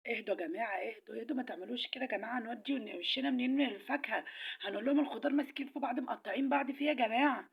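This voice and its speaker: A woman voicing a vegetable that pleads with the others to calm down, in a hurried, soothing manner. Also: high-pitched, gravelly, breathy edge, exaggerated voice. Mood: pleading. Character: peacemaking vegetable calming a quarrel. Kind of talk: comic voice filter skit. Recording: lo-fi dull filtered sound.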